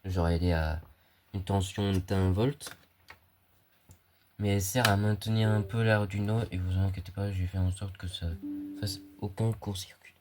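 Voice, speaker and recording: Heavy background noise sits behind this young man's low, steady voice as he talks at a normal speed. Stuffy from a cold, the hobbyist YouTuber explains an electronics project in a casual screen recording, hesitating often, using slang and plenty of fillers.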